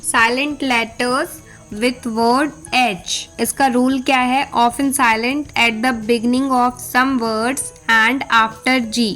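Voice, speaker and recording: A woman with an Indian accent teaching English pronunciation in a Hindi-English lesson, spelling words out letter by letter in a slow, deliberate way. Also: fairly high pitch, sharp tone.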